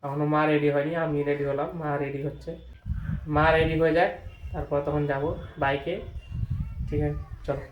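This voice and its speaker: A man's voice: a little high, flat delivery, moderate pace, long pauses, muffled recording, slight background noise. A chatty young man, vlogging casually around a village and market on a handheld phone, often calling out to his viewers. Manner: chatty, keeps addressing viewers. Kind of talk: casual walk-and-talk vlog. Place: village home and outdoor market stalls.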